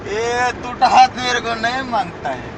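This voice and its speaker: A man's voice: very high-pitched, animated, moderate pace, a crowd in the background. A man acting out a possessed young man, eerie and mocking in a noisy car. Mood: menacing.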